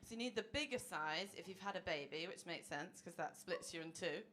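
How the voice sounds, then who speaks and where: A woman's voice: fairly low pitch, lively intonation, brisk, a bit bright. A woman in her thirties doing a chatty, self-mocking stand-up set, laughing through her own jokes on a comedy club stage. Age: 30s. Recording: noisy live club recording.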